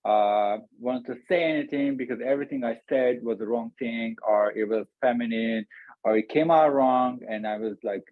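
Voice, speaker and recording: A man from Turkey, a guest speaking softly and haltingly, with small grammar slips. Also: mid-range voice, dry recording. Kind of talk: casual interview talk. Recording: tinny phone-like line, dry.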